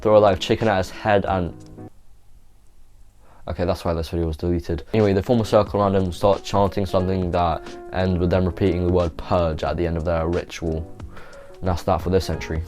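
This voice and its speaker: A man's voice: deep voice, little pitch movement, brisk, darkish tone, faint music behind. A man narrating a YouTube video in a casual, rambling, offhand way, full of "like" and restarts. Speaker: YouTube host.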